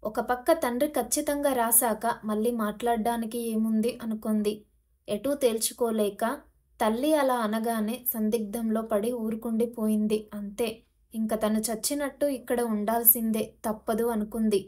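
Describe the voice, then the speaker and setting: A woman narrating a family novel in a steady storytelling read. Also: a little high, normal speed. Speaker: audiobook narrator.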